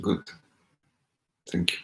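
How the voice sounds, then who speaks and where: A man leading a live-streamed guided meditation as its teacher, speaking calmly and unhurriedly and greeting viewers by name. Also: takes it slowly. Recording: roomy echo.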